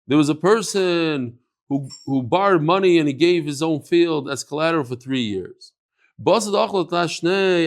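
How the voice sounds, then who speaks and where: A man teaching a Talmud class with a lively, swooping voice that sits a little high for a man. He slips Aramaic and Hebrew terms into his English and asks questions, then answers them himself. He acts out the speakers in the text with plenty of animation.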